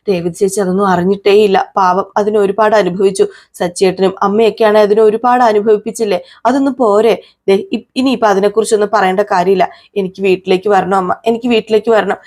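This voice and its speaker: ഒരു സ്ത്രീ, അമ്മയോട് കെഞ്ചുന്ന ആത്മാർത്ഥനായ ഒരു യുവാവിനെ അവതരിപ്പിക്കുന്നു. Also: female voice, mid-range voice, a little mellow, close to an everyday voice. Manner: pleading, defending his sister-in-law. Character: earnest young man pleading with his mother.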